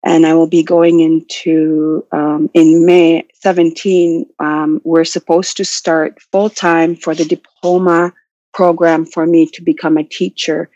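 A woman from Nunavut in Arctic Canada speaks in a deep, mellow voice, keeping an even tone and an unhurried pace. She is an interview guest, a business owner who is learning the Inuit language, and she answers reflectively, hesitating as she searches for words. The call audio is dull, roomy and lo-fi.

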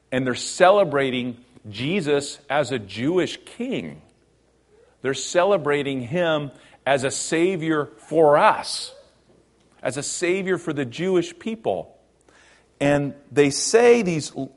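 Male pastor, mid-pitched, preaching in a relaxed teaching tone that swings between emphatic highs and hushed lows. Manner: conversational teaching, rising to emphatic bursts and dropping to quiet. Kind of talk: sermon.

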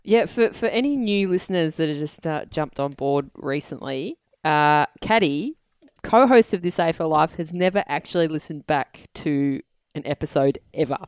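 A woman's voice: low voice, animated, normal speed, a little mellow, smooth, no echo, studio quality. An Australian woman hosting a casual sports chat podcast. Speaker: podcast host.

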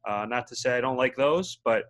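A man interviewing a guest, making halting, earnest remarks with frequent restarts. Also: medium pitch, a bit bright. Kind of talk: casual interview.

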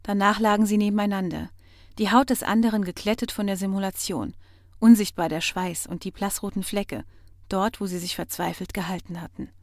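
A woman reading a science fiction audiobook in a measured, expressive narration. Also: mid-range voice, no echo, clean studio sound. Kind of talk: scripted narration.

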